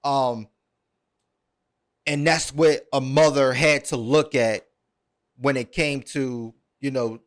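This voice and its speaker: A man's voice: mid-range voice, steady tone, slow, long pauses. A man hosting a podcast, retelling a story at length in a casual, earnest way, with many ums and repeated words. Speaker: podcast host.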